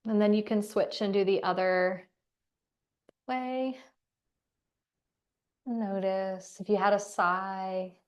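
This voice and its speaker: A woman instructor leading an online class through gentle movement and breathing, with soft, calm cues. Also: medium pitch, takes it slowly, pauses often. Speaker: exercise instructor.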